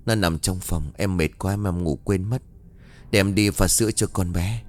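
A man reading a soft, weary young wife. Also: low voice, moderate pace, faint music behind, natural voice. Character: tired, guilt-ridden young mother.

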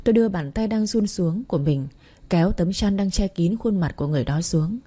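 Husky, mellow-voiced woman narrating a romance. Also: medium pitch, brisk. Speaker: storyteller. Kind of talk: first-person narration of a romance story.

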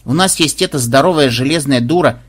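A man voicing an eager young granddaughter who calls out excitedly, in an audiobook reading. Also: medium pitch, fairly quick, breathy edge, lightly acted. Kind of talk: audiobook voice acting.

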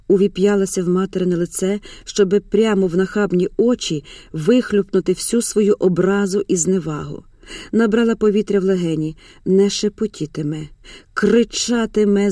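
A woman narrates a novel in a measured, expressive way. Her voice is dark and mellow, with a middle pitch. The recording is close and dry. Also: no room sound. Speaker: audiobook narrator.

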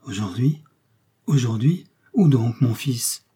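A man's voice: medium pitch, expressive, takes it slowly, warm tone, breathy edge, full character voice. A man voicing an ailing mother, tender and overwhelmed, asking emotional, trembling questions. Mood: astonished.

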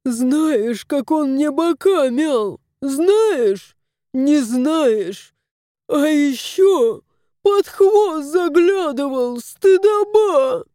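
A woman's voice: mid-range voice, sing-song, mellow, dry recording, studio quality. A woman voicing a plump, touchy male house cat who whines and sulks in an audiobook. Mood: whining. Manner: whining, drawn-out complaints. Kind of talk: audiobook character voice.

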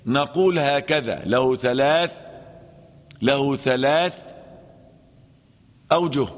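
A man with an Egyptian Arabic accent teaches Quran recitation as a sheikh. He quizzes his listeners, answers himself and repeats the terms in a slightly high voice. The recording carries a long, hall-like reverb. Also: fairly bright tone. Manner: asks and answers his own questions, repeats key terms. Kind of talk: classroom lesson with chanted recitation examples.

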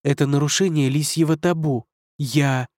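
A man's voice: on the high side, fairly even intonation, moderate pace, darkish tone, no room sound, clean studio sound, voice pushed up, lightly acted. A man reading an audiobook, voicing a young fox spirit woman who is anxious and pleading. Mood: panicked.

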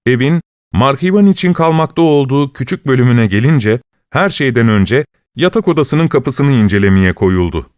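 A man's voice: medium pitch, no echo. Man narrating a story, dry close voice. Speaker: audiobook narrator. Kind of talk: scripted narration.

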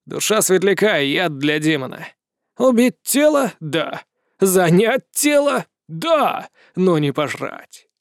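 A man voicing an excitable male demon servant who talks eagerly and fawns on his master. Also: high-pitched, takes it slowly, clear, resonant tone, no echo, clean studio sound, heavily acted. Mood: excited. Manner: eager, storytelling, fawning.

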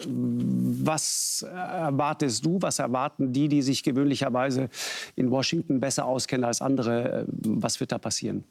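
A man hosting a political talk show in a television studio, introducing guests and asking questions in a measured way with occasional hesitations. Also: mid-range voice, gravelly.

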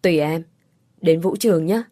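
A woman's voice: on the low side, moderate pace, mellow, no room sound, studio quality, close to an everyday voice. A woman reading a patient young man. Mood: calm. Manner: patient, placating. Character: young man, polite and considerate employer.

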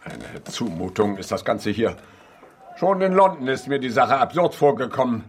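A man's voice: mid-range voice, very animated, moderate pace, a little hiss or hum, close to an everyday voice. Summerlee, grumpy old professor played by a man. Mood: grumbling, impatient. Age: older. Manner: fussy, exasperated, formal. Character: grumpy, indignant, sceptical old English professor. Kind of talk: German radio drama acting.

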